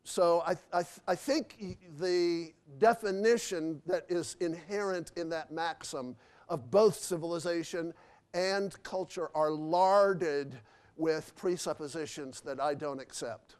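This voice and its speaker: After a lecture in a hotel convention hall, a man answers audience questions in a voice that is high for a man, smooth and a little mellow. He speaks slowly and rambles, with many fillers and restarts.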